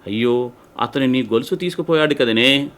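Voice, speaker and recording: A man's voice: mid-range voice, moderate pace, a bit bright, close to an everyday voice. A man voicing a worried, scolding mother.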